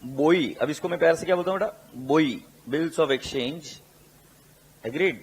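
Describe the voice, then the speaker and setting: A man with an Indian English accent gives a classroom lecture at an unhurried, deliberate pace. He switches between Hindi and English, dictates key terms slowly and keeps checking in with questions. His voice sits fairly high, with a faint hiss of noise in the background. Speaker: accountancy teacher.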